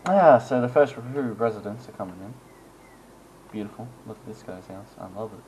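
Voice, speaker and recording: A man's voice: lowish voice, brisk, darkish tone, slight background noise, poor audio. A man giving casual, rambling gameplay commentary, chuckling and making self-deprecating asides as he goes. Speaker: gaming channel host.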